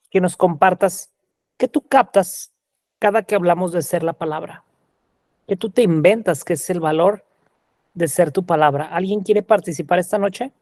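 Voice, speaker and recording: A man facilitating a coaching workshop, asking slow, reflective questions. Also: high voice, a little mellow, no room sound.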